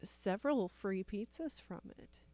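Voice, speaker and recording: A woman's voice: medium pitch, expressive, measured pace, warm tone. A woman co-hosting a casual talk show, laughing often and speaking frankly. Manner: laughs often, talks frankly with mild swearing. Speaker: podcast co-host. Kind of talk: casual chat.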